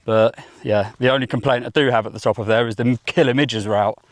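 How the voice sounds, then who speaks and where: A man's voice: mid-range voice, fairly even intonation, fast, no echo, rough recording. A young man vlogging outdoors while hiking a mountain, talking in a chatty, blunt, self-mocking way and swearing casually. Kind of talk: casual vlog talk to camera.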